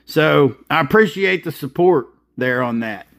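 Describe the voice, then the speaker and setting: A welder in his fifties hosts his channel from a welding shop and an outdoor work site, explaining his work in casual, practical how-to talk that's plainspoken and full of filler. His voice is fairly high, expressive, gravelly, and a bit bright, delivered at a measured pace.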